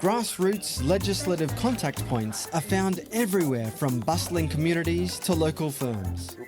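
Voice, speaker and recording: A man giving scripted documentary narration in a measured, explanatory way. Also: a little high.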